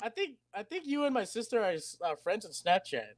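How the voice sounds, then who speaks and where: A cohost on a casual podcast, excitable and laughing with friends. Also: medium pitch, brisk, no echo, clean studio sound. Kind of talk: casual group chat.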